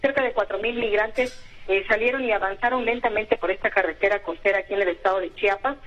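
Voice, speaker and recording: A woman giving a steady news field report, with an occasional filler word. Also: mid-range voice, fast talker. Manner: steady, informative, with filler words. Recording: muffled phone line.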